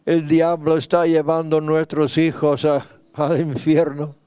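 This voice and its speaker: A man, a pastor, leading a sermon and spoken prayer, repeating his pleas slowly and fervently. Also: fairly high pitch, little pitch movement, dark tone, clean tone, no echo, dull audio. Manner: slow fervent praying, repeating pleas, rising in intensity. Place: church retreat.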